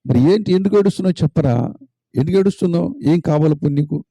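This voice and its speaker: A man's voice: medium pitch, a little fast, mellow, no echo, close to an everyday voice. A man voicing a kind father who questions and then comforts his crying son in a retold story. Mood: worried. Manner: coaxing, questioning. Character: kind worried middle-aged father.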